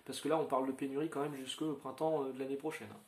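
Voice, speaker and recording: A man's voice: mid-range voice, little pitch movement, fast talker, a little mellow. A man chatting casually to his viewers, rambling with many fillers and restarts. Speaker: channel host. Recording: echoey room.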